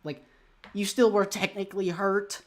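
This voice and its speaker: A man's voice: sits high, fairly even intonation, moderate pace. A man narrating as game master of a tabletop game, hesitant and full of fillers.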